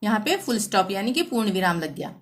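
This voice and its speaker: A woman teaching a Hindi grammar lesson, reading example sentences slowly and deliberately. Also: medium pitch, big pitch swings.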